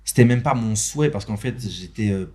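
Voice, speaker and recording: In a podcast studio, a young man from Benin, a guest who is also an interview host and motion designer, chats casually but hesitantly, full of fillers and restarts. His fairly low voice is animated, a little fast, mellow, and slightly rough.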